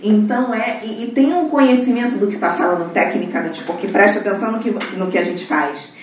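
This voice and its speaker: A woman's voice: medium pitch, a little fast, a little hiss or hum. A young woman with a Brazilian Portuguese accent, a surgical resident chatting animatedly on a podcast. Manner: animated, acts out quoted voices. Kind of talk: casual podcast conversation. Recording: echoey room from far off.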